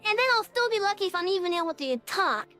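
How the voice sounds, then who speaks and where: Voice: very high voice, animated, quick pace, pushed and bright, faint music behind. A game streamer talking through a real-time voice changer in rambling casual chat, full of fillers and restarts.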